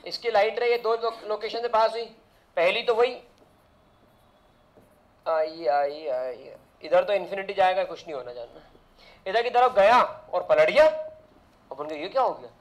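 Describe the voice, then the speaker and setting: High-voiced chatty male physics teacher. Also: big pitch swings, normal speed, low-quality recording. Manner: chatty, drifts into side rants with rhetorical questions. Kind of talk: casual classroom lecture.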